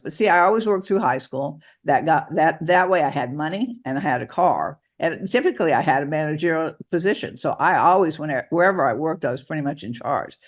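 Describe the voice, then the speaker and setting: Halting, slightly high-voiced man guest. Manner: halting, with many restarts and small laughs. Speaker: guest author and equal rights advocate. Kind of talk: conversational interview answers.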